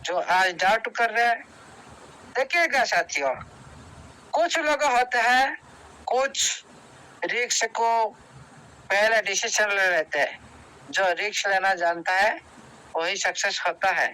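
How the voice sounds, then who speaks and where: A man addresses his team over a video call, pressing them to act and not wait, repeating himself and restarting his phrases. His voice sits high and sounds clear and resonant. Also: sharp tone, low-quality recording. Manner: exhorting, repetitive, halting with restarts. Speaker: team leader speaking in an online meeting. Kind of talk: motivational speech to a group. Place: online meeting.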